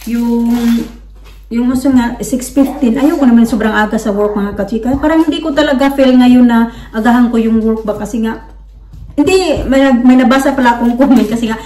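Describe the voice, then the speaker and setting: A Filipina vlogger chats loosely with her viewers, rambling along with plenty of fillers and false starts. Her voice is mellow, slightly high, and a bit quick. She's picked up off-mic from a distance, in a roomy space with faint noise.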